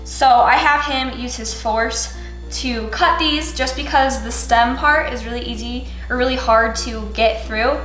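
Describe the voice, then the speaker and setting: A woman's voice: a little high, unhurried, fairly bright tone. A young woman in her twenties giving a casual, upbeat step-by-step cooking tutorial in her home kitchen, recorded by a camera a few steps away. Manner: chatty, upbeat, explains step by step. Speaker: lifestyle vlogger. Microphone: camera mic from a few steps away. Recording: echoey kitchen with faint music.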